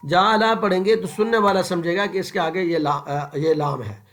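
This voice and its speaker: A man teaching Quran recitation in an informal tajweed lesson, patiently repeating each example slowly and checking that viewers follow. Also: high-pitched, a bit bright. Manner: frequent fillers and checks for understanding. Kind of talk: informal tajweed lesson over a screen-shared book.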